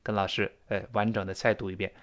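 A man's voice: fairly low pitch, level tone, fast, a bit bright. A middle-aged man, a native Chinese speaker, teaching a spoken English lesson and repeating phrases for drill.

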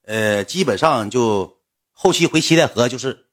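A man's voice: mid-range voice, normal speed. A man with a Northeastern Mandarin accent telling a personal story in casual, colloquial speech, repeating phrases as he goes. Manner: colloquial, repetitive, animated retelling.

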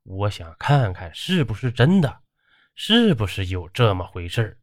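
A man's voice: lowish voice, big pitch swings, moderate pace, no room sound, studio quality. A man playing a stern, upright old village doctor who talks firmly and bluntly. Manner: firm, blunt.

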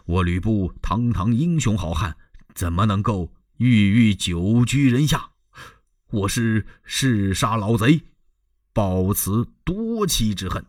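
A man's voice: fairly low pitch, lively intonation, takes it slowly, a little mellow, dry recording, studio quality. A man voicing a proud, hot-tempered warlord general in a traditional storytelling performance, declaiming boldly. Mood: indignant. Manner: bold declaiming.

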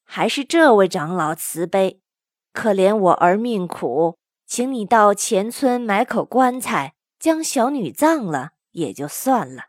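A woman's voice: medium pitch, sing-song, takes it slowly, no echo, studio quality. A woman voicing a grieving old village woman who wails, scolds and then pleads. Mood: pleading. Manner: wailing and scolding.

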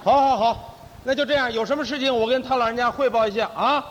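A man's voice: very high-pitched, fast talker, a bit bright, big-room sound, muffled recording, slight background noise. A male crosstalk comedian, playing a smug, self-important fixer who boasts of connections and bosses his partner around. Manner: blustering, bossy, talks down to his partner.

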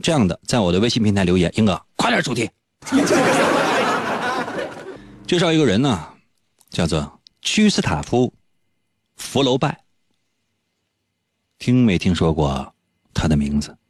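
A male radio host, telling a story on air in a playful, teasing way and often leaping into a high, excited pitch. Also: normal speed, pauses often, slightly rough. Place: radio studio.

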